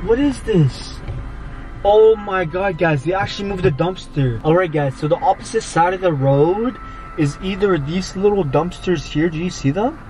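A young man hosting a vlog in casual, excitable, slangy talk, repeating his catchphrases to the camera. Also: high-pitched, moderate pace, slight background noise, poor audio. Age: young adult. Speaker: vlog host. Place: inside a car at night and outdoors by it. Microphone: handheld camera at arm's length. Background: background music.

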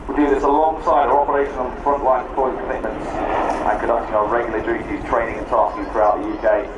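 A man's voice: mid-range voice, steady tone, quick pace, lo-fi sound. A man giving live airshow commentary, explaining the display as he announces it to a crowd. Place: outdoor airfield public address. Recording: echoey distant loudspeaker, loud helicopter noise. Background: helicopter noise outdoors.

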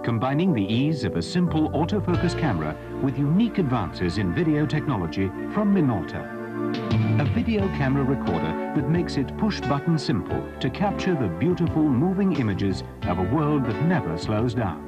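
Guy doing a smooth ad voice-over, lively pitch, old vhs tape sound, loud music behind. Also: highs cut off. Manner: smooth, measured product pitch. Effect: old VHS tape audio. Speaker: promotional narrator. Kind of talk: scripted ad voice-over. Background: loud backing music.

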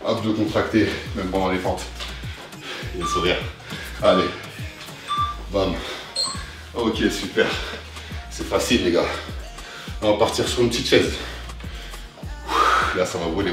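A young man coaches a workout while exercising, his low-pitched voice a little slow and broken by frequent pauses as he gives short, motivating instructions. He's a young adult fitness coach recording indoors in a living room. The mic is distant, the room very echoey, and music is clearly heard behind.

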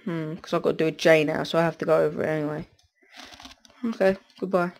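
A teenage gaming commentator with a blocked nose speaks quickly in a somewhat high voice with fairly even intonation. His casual play-by-play meanders, and he often stops himself mid-sentence in a distracted way.

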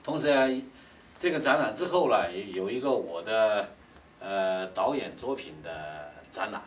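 Low-voiced man speaking in an echoey hall. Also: expressive, far from the mic, slight background noise. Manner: halting, with many fillers and pauses. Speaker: film director. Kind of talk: casual on-site remarks. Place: large indoor exhibition hall.

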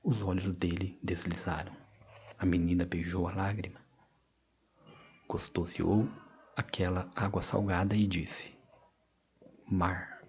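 A man narrating an audiobook of short stories in a measured, expressive reading with hushed passages. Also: low-pitched, slight background noise. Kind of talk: scripted narration.

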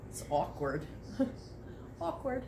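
Slow and sing-song, with vocal fry in her fairly low voice, a woman in her sixties presents a relaxed home cooking video from her kitchen, rambling chattily and laughing a great deal. It is recorded on a phone nearby amid kitchen echo and background noise.

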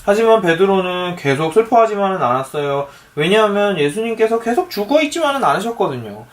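A man's voice: sits high, very animated, fairly quick, slight background noise. A father reading a picture book aloud to his young child, patiently asking her questions as he reads.

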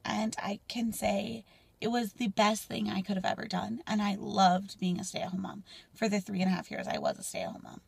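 A woman in her twenties talking candidly to a phone camera in a car, rambling and sometimes dropping to a soft near-whisper. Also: medium pitch, sing-song, moderate pace, vocal fry, slightly rough. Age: 20s. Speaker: mom vlogger. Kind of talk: casual personal vlog. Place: parked car, indoors. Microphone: phone camera at arm's length.

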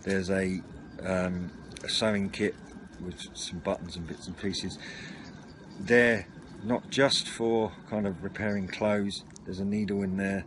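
His voice sits low yet sounds a bit bright, with a steady tone and a slow pace. The man hosts a video channel and gives an informal, slightly rambling, hesitant run-through to camera at an outdoor table, recorded on a camera mic with plenty of outdoor noise.

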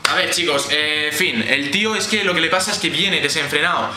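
A man's voice: a little high, fairly quick, sharp tone. A man with a Spanish accent from Spain, hosting a horror game let's play, nervous, jumpy and swearing constantly. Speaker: gameplay video host. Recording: roomy, distant mic, background noise.

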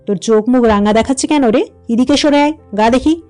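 A woman's voice: fairly high pitch, a little fast, mellow, soft background music, close to an everyday voice. A woman doing a fretting village mother. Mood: worried. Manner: fussy, rising sharply when worried. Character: village mother, anxious and scolding.

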